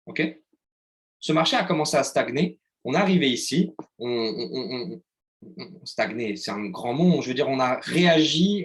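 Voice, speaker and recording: A man teaching a live online trading lesson in a chatty way, often checking in with his listeners and using playful sound words. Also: fairly high pitch. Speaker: trading instructor.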